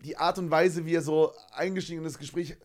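Fast-talking young man telling a story. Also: on the high side. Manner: animated slangy storytelling, acts out scenes. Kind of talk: casual chat, storytelling.

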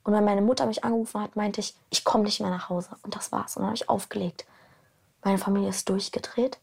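A woman recounting her own life story in an interview, halting, repeating words and sometimes dropping to a whisper. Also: medium pitch, fairly even intonation, gravelly, a little mellow. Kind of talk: personal account in an interview.

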